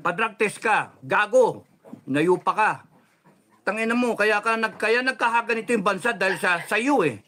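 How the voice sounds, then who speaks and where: Man in a heated cursing rant. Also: normal speed. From Philippines. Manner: heated, cursing, swings between shouting and low controlled muttering. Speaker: political commentator. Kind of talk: angry political rant.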